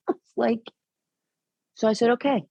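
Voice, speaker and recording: A woman guest on an interview podcast, telling a personal story in an earnest, animated way with many restarts. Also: low-pitched, brisk, husky, no echo, highs cut off. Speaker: podcast guest, caregiving advocate.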